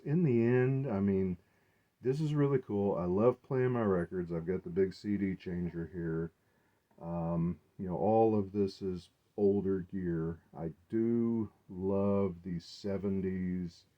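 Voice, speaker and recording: A low-voiced man, a hobbyist collector, rambles through an informal show-and-tell of his gear. His delivery is halting and unscripted, as if he's working things out aloud, and the recording sounds dull and muffled.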